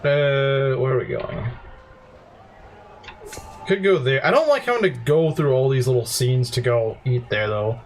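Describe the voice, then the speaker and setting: A young man casually commentating a video game, quick to complain and laugh. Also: medium pitch, animated, a little mellow, slight background noise. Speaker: let's play host.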